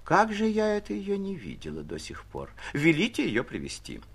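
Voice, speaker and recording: A man's voice: fairly high pitch, wildly swooping pitch, normal speed, creaky, husky, voice pushed up, full character voice. A man voicing a capricious, imperious old noblewoman who exclaims and fusses in a raised voice. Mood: fussy. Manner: fussy, exclaiming, sugary then sharp.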